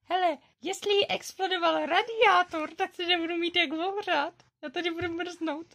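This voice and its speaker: A whiny female pony who never stops grumbling about being cold, as a girl puts her on. Her voice is very high with a gravelly edge. It sounds like a home-made toy play. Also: steady tone, bright, forceful tone, exaggerated voice. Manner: complaining, whiny.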